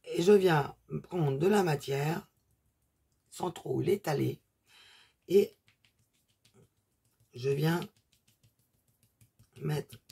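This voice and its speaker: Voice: medium pitch, vocal fry, dark tone, husky. A presenter chatting casually through a hands-on craft demonstration, rambling with many fillers and asides, trailing off while working. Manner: talks while working, trails off mid-sentence.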